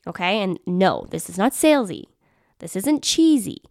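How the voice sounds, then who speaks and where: A woman's voice: medium pitch, big pitch swings, normal speed, creaky, a little mellow, no room sound, clean studio sound. A woman hosting her own podcast, talking in an upbeat, chatty, emphatic way as a business mentor. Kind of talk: casual solo podcast talk.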